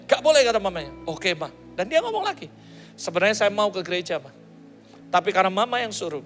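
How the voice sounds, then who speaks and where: A male pastor giving a sermon, telling a story with lively acted-out dialogue. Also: high-pitched, long reverb tail. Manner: animated storytelling, voices the people in his story.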